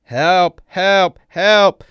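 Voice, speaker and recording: A man's voice: sits low, fairly even intonation, moderate pace, darkish tone, no echo, studio quality, natural voice. A man voicing a menacing male bully who snarls threats, then shrieks for help. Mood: shrieking.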